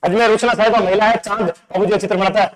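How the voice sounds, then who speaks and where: A man teaching an exam-prep lesson, playful and asking quick quizzing questions over and over. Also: high voice, steady tone, low-quality recording. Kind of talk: exam-prep lecture with memory tricks.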